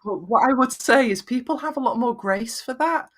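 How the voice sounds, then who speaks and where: A middle-aged woman with a Lancashire accent and very flat vowels, giving encouraging, conversational advice in an interview. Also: a little high, moderate pace. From Lancashire, northwest England. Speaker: video confidence coach and podcaster.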